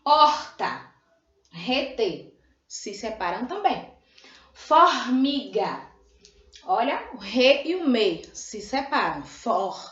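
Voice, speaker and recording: A woman from Brazil, a primary school teacher, giving a grammar review lesson and slowly drawing out syllables to model them. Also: a little high, very animated. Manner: slow, drawn-out modelling of syllables, often says "ó" and "né". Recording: echoey room, dull lo-fi sound.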